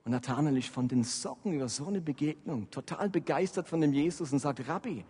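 A man giving an animated, emphatic sermon as pastor. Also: on the high side, a little fast, husky, big-room sound. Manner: animated, emphatic preaching with frequent rises in loudness.

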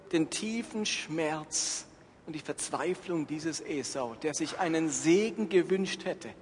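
Earnest pastor preaching in an echoey hall. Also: male voice, sits high, breathy edge. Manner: earnest, reads scripture aloud. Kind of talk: sermon. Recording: echoey hall, faint ambience.

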